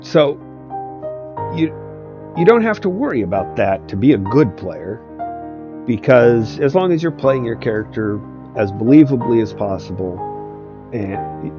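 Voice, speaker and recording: A tabletop game master and video host gives meandering, casual advice, hesitating and restarting often. His mid-range voice is sing-song and measured, broken by long pauses. The sound is dull and lo-fi, with faint music in the background.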